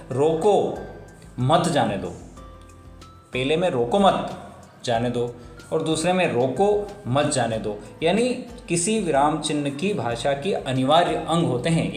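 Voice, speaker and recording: A man's voice: medium pitch, darkish tone. Man teaching a grammar lesson, roomy echo. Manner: slow, explanatory, repeats phrases for emphasis. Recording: roomy echo with faint music.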